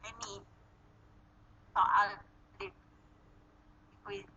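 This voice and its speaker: A woman moderator comes through a faltering video call, her words chopped up as the connection breaks. The line is muffled and hissing with static. She speaks in short, halting fragments. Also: medium pitch, very animated. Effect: choppy, breaking-up video call audio. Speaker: moderator of an online teachers' workshop. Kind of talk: formal session hosting.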